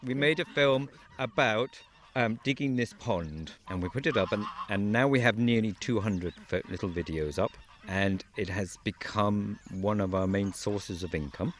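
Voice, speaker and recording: With a lowish voice and an unhurried pace, this Welsh-raised farmer and beekeeper talks easily about his farm, slipping in dry humour. The relaxed interview takes place outside on the farm from a horse-drawn carriage, and geese and faint outdoor sounds sit in the background.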